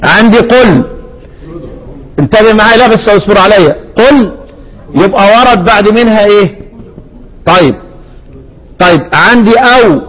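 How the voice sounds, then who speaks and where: High-voiced Egyptian sheikh teaching in a reverberant hall. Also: male voice, a bit bright. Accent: Egyptian Arabic. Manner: asks the class questions and answers them himself, with frequent restarts; chants quoted verse words at a raised pitch. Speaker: Quran recitation teacher. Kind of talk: explanatory lesson on recitation rules. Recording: long reverb.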